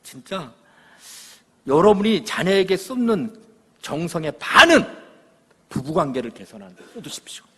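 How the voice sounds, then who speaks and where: A middle-aged man gives a parenting lecture to a church audience, his voice husky and pitched fairly high. He tells stories with lively swings of pitch, acting out the quoted lines and asking for agreement. The sound carries a long reverb from the hall. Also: normal speed, pauses often.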